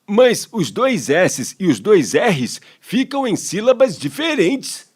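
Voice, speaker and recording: A high, puzzled young pupil. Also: male voice, very animated, slightly rough, full character voice. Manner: wondering, drawn-out.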